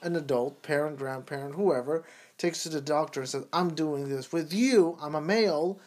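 A man's voice: on the high side, moderate pace, a little mellow. Earnest preachy man in his thirties. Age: 30s. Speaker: podcast co-host. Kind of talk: casual opinion talk.

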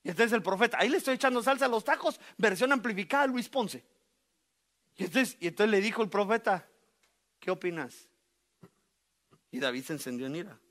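Animated, bright-voiced male preacher. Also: sits high, fast. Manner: animated, joking preacher who addresses the congregation directly. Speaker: pastor. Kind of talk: sermon. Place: church sanctuary.

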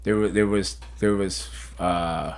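A man's voice: low voice, steady tone, takes it slowly, vocal fry. A man hosting a casual chat in a rambling storyteller's way. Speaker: podcast host, pro wrestler.

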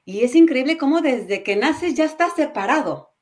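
A woman talking in a podcast conversation, animated and halting, often repeating words. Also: high voice. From Mexico.

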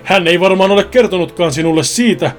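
A man voicing a cruel, mocking male devil who taunts loudly, in a spoken storybook tale with faint music behind. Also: high voice, lightly acted. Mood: taunting. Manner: taunting, loud, mocking laughter.

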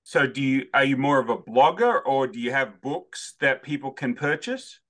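A man's voice: mid-range voice, lively intonation, normal speed, a bit bright. A man hosting an interview, chatty and joking, asking playful questions. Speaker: podcast host. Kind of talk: casual interview conversation.

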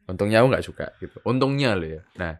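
A man's voice: on the low side, quick pace. A young man talks loosely in a podcast chat. He tells stories with energy, drops into acted-out voices of other people, and laughs often. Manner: animated storytelling, acts out people he quotes. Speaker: podcast co-host. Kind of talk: casual chat.

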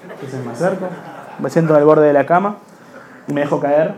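Rambling Rioplatense comedian, slightly high voice. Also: male voice, normal speed, a little mellow, a little hiss or hum. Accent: Rioplatense Spanish. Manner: rambling, self-mocking, slips into quoted voices. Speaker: stand-up comedian. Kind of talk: stand-up comedy storytelling.

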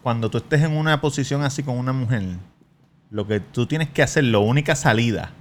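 Un hombre con acento puertorriqueño, presentador de un pódcast, que cuenta anécdotas de forma animada y malhablada, actuando las escenas. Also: male voice, mid-range voice, fairly quick, slight background noise. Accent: Puerto Rican. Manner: animated, profane storyteller who acts out scenes. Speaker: podcast host. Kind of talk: casual storytelling.

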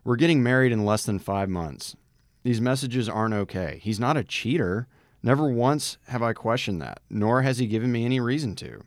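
A man co-hosting a podcast, reading a listener's story aloud with a wry tone and dramatic pauses before each section title. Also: medium pitch, lively intonation, no room sound, clean studio sound. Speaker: podcast co-host.

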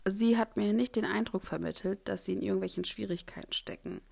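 A woman's voice: mid-range voice, a little fast, gravelly, darkish tone. A woman voicing a kindly older male professor, reassuring a student.

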